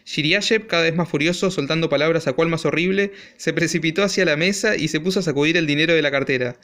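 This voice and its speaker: Hombre narrando un cuento. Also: male voice, a little high, quick pace, fairly bright tone. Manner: dramatic storytelling. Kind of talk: audiobook reading.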